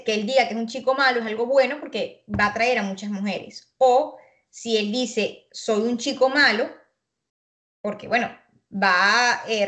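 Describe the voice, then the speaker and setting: A woman's voice: a little high, a bit bright. A woman co-hosting a casual analytical talk, thoughtful, repeating words as she searches for them. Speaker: co-host analyzing song lyrics.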